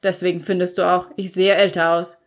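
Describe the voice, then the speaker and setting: A woman's voice: lowish voice, level tone, brisk, lightly acted. A woman reading an audiobook, voicing a cool, sardonic teenage boy who is grieving his brother, with a dry, offhand delivery.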